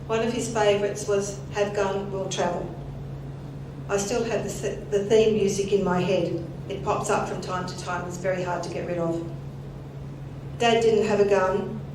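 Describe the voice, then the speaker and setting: An older woman reads a prepared memorial tribute in a measured, plain-spoken way. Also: mid-range voice, steady tone. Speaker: speaker at a family memorial. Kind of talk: read psalm and prepared eulogy. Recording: very echoey hall, distant mic, noisy.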